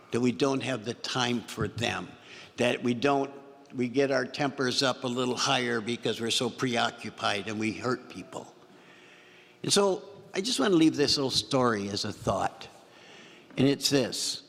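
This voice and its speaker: A male pastor delivers a Sunday homily, his middle-pitched voice carrying some gravel. Long reverb from the church hangs behind every phrase. He retells a simple parable and keeps returning to his main lines for emphasis. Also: a little slow, a bit bright. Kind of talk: sermon.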